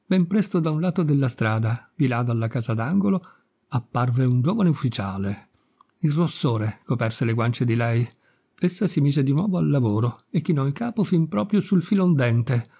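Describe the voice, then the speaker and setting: A man reading a classic story aloud as narrator, measured and unhurried. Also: medium pitch, lively intonation, vocal fry, dark tone, slightly rough. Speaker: audiobook narrator. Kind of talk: scripted literary narration.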